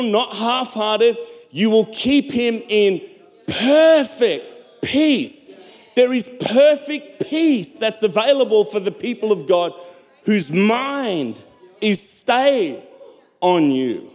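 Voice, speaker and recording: A man from South Africa preaching a sermon as pastor, emphatic, repeating and stretching key words and urging his listeners on. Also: high-pitched. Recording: long hall reverb.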